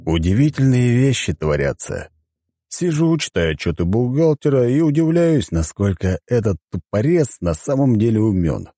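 A man's voice: mid-range voice, very animated, moderate pace, dark tone, no room sound. A man narrating an audiobook in first person in a wry, conversational way, close to the mic.

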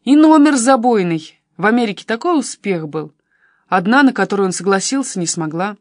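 A woman's voice: medium pitch, animated, brisk, no echo, studio quality, natural voice. A woman reading a pushy, coaxing cousin. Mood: insistent. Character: pushy young adult man, the narrator's cousin. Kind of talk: audiobook reading.

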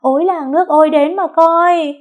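A woman voicing a shrill, outraged older mother-in-law who wails and shouts for the neighbors. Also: steady tone, normal speed, phone-quality sound. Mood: wailing.

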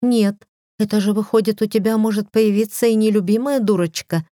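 A woman voicing a playful, lovestruck young heroine in an audiobook, speaking higher and teasing. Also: steady tone, brisk, dark tone, no room sound, clean studio sound, natural voice. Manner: teasing, lifted higher than the narration.

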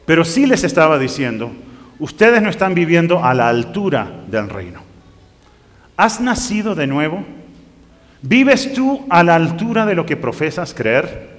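A man's voice: fairly high pitch, sing-song, unhurried. A man preaching a sermon, reading scripture aloud and rising to emphatic bursts. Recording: long reverb of a hall.

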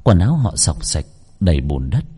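A man narrating a ghost story in an expressive storytelling manner. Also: low-pitched, moderate pace, slightly rough.

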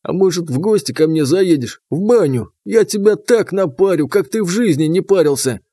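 A man's voice: high-pitched, lively intonation, normal speed, mellow, slightly rough, dry recording. A man voicing an eager, earnest bathhouse spirit in an audiobook. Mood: wistful. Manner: earnest, enthusiastic, pleading.

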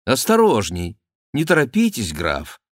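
A man's voice: lowish voice, sing-song, unhurried, a bit bright, no room sound, studio quality. A man reading an audiobook, voicing a mocking, politely insolent young nobleman in an ironic, teasing tone. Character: mocking cool young male courtier, a nobleman.

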